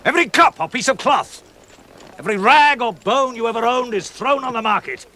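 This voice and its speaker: A man's voice: very high-pitched, expressive, brisk, bright, forceful tone, slight background noise, exaggerated voice. An actor playing a grown man who mocks his people for not fighting, in a film drama. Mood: angry. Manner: sarcastic, taunting.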